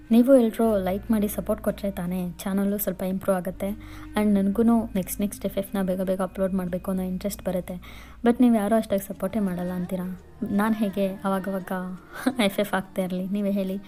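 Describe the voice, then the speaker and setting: A woman's voice: mid-range voice, warm tone. A woman narrating a fan fiction story in the second person, with a chatty aside to her viewers.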